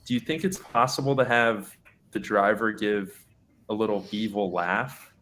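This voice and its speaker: A man's voice: on the low side, measured pace, a bit bright. A man making a prank phone call, hesitant and overly polite, stumbling with ums and restarts. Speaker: prank caller.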